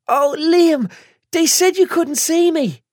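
A man voicing a bandaged young woman in a hospital bed, high and whiny. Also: slow, a little mellow, dry recording, clean studio sound. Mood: pleading. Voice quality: high squeaky whine.

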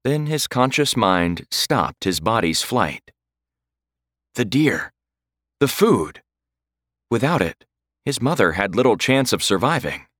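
A man narrates a horror story from a script, slow and deliberate, his lowish voice rising and falling in a sing-song way to build tension. The tone is a bit bright, and the recording is dry with no echo or room sound.

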